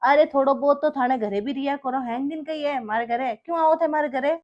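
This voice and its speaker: Comic skit: a woman doing a rude, bossy Marwari husband, high voice, sneering questions. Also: a little fast, dull audio, close to an everyday voice. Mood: scornful. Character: angry young husband, harsh, domineering.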